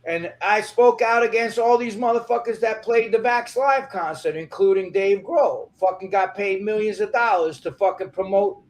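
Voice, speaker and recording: A man speaking as an interview guest, ranting angrily and swearing heavily. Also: high-pitched. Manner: angry, profane, rapid ranting. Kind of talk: heated interview talk.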